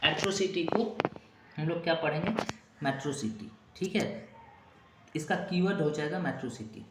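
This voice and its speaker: A man's voice: on the high side, fairly even intonation, moderate pace. Man, exam-prep teacher, repeats mnemonics, frequent check-in asides, echoey room, noisy background. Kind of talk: classroom-style vocabulary lesson.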